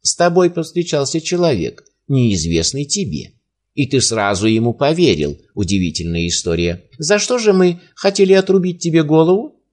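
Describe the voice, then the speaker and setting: A man's voice: fairly high pitch, lively intonation, normal speed, a little mellow. A man voicing a suspicious, imperious male emir who speaks in stern, thundering questions.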